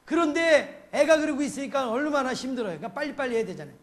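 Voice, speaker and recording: A man's voice: extremely high pitch, lively intonation, fast, fairly bright tone. A male pastor from South Korea preaching a sermon, telling a homely story and peppering the congregation with rhetorical questions.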